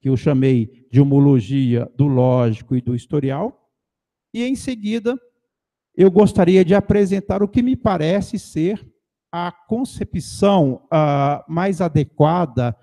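A middle-aged man giving an academic lecture from a panel table into a table mic, measured and pausing to think. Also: on the high side, mellow. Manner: measured, thinking aloud with pauses and fillers. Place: conference hall, seated at a panel table. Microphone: table mic on a stand.

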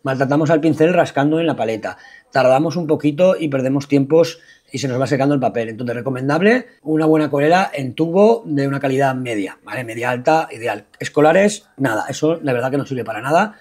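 A man's voice: medium pitch, animated, brisk, darkish tone. A man with a Peninsular Spanish accent, narrating a painting tutorial as a voice-over in a patient, reassuring way. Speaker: watercolor painting teacher.

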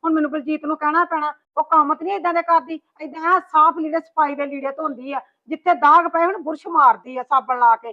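A woman's voice: sits high, fairly even intonation, a little fast, hardly any pauses. A woman playing a complaining mother-in-law in a family drama, scolding as she talks. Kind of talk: amateur family drama acting. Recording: dull lo-fi recording.

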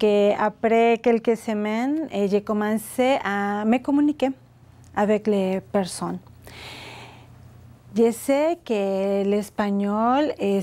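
On an indoor studio set with a chalkboard, a woman in her forties gives a beginner language class in French, her Mexican accent revealing her native Spanish. She enunciates carefully and deliberately in a mellow, medium-pitched voice, picked up by a lapel mic.

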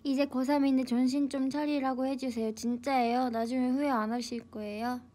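Speaking at a normal speed with a flat delivery, this twenty-something woman hosts an idol livestream, reading comments and joking around casually. She is teasing and playful, now and then breaking into high-pitched shouts and laughs. The phone sits close at arm's length as she leans against a table in a small, brightly lit room.

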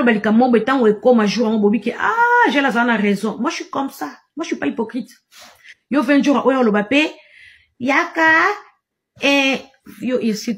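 Ranting woman, higher voice. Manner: accusatory, emphatic, mixes French in. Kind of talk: angry ranting monologue.

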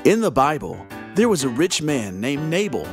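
A woman narrates a children's Bible story in a slow, expressive way. Her voice sits very low yet moves a lot in pitch. A clear music bed plays beneath her.

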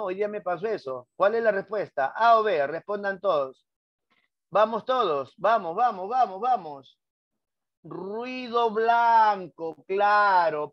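A middle-aged man with a Peruvian Spanish accent teaching a review class, animated and constantly quizzing his students with tag questions. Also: high voice, no room sound. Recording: dull, dry lo-fi sound.

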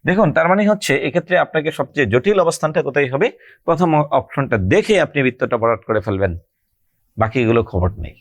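Lively male teacher, dry close sound. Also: mid-range voice, dry recording. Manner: explanatory, repeats key terms slowly, addresses students directly. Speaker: exam-prep teacher. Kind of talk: grammar lesson lecture.

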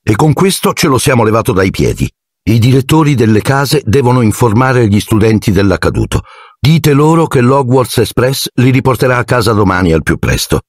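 A man's voice: fairly low pitch, no room sound, voice pushed up. Stern older headmistress type, played by a man, raised voice, dry read. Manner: firm, clipped. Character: stern older woman professor, strict.

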